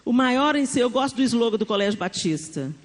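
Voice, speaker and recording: A middle-aged woman with a Brazilian accent preaching a sermon, telling family stories with animated acted-out dialogue. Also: fairly high pitch, brisk. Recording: long hall reverb, faint background noise.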